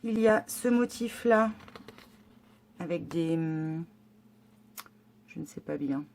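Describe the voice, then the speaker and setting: A woman's voice: fairly low pitch, expressive, slow, vocal fry, darkish tone, slight background noise. A woman chatting casually as she unboxes a monthly scrapbooking box, enthusiastic and hesitant, with many fillers and restarts. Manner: enthusiastic about the items. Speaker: scrapbooking vlogger.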